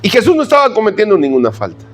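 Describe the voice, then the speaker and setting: Animated pastor preaching a sermon. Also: male voice, high-pitched, rapid-fire, soft background music. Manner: emphatic preaching, rhetorical questions, addresses the congregation as brothers. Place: church.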